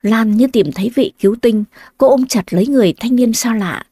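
Mellow woman narrating a story. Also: a little high, fairly quick, slightly rough, no room sound. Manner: even, storybook telling.

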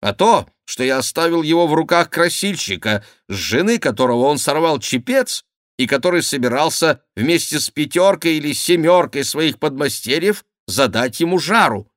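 A man voicing an agitated young royal favourite who shouts his outraged complaints. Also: a little high, lively intonation, moderate pace, no room sound, studio quality, pitched above the performer's own voice. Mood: indignant.

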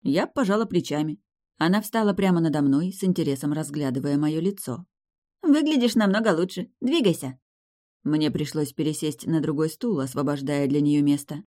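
A woman narrating a fantasy audiobook in a low, mellow voice. She reads in a steady, wry storytelling manner, with a relaxed and warm tone throughout. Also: brisk. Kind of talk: first-person fantasy novel reading.

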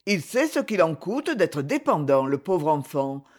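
A man's voice: on the high side, sing-song, unhurried. A man voicing a scheming secretary who mutters as if talking to himself, in a storybook reading. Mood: sly.

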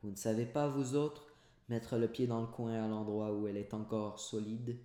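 A gruff old miser, master of his house, barking and teasing in a raised voice, as a man reads him. The voice sits low at heart but jumps up loud. The room rings with echo. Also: little pitch movement, normal speed, lightly acted. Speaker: former cooper. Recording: roomy echoey home recording.

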